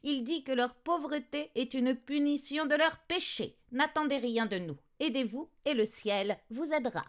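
A woman's voice: sits high, normal speed, pitched above the performer's own voice, close to an everyday voice. A woman voicing a wrinkled old servant woman who refuses curtly, allowing no reply. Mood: cold refusal. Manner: curt, brooking no reply.

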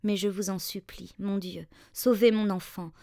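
A woman voicing an exhausted, desperate poor mother pleading softly for her child. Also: medium pitch, fairly even intonation, moderate pace, gravelly, no room sound, lightly acted. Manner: soft, pleading.

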